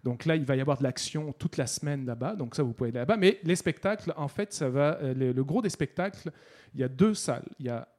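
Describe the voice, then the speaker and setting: A man, chatting casually on the radio and halting often with restarts as he promotes events. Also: medium pitch, lively intonation, darkish tone. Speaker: festival guest columnist.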